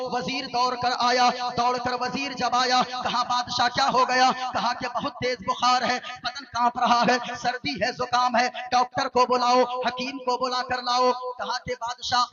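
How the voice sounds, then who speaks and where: High-pitched animated male preacher. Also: dull audio. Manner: animated, acts out king and minister with shouts. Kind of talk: Islamic sermon storytelling.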